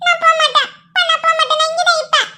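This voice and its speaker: A woman's voice: very high voice, fairly even intonation, racing, pushed and bright, heavily acted. A woman voicing a little boy who pleads for his mother in a cartoon. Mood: pleading. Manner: pleading, childlike. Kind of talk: cartoon voice acting.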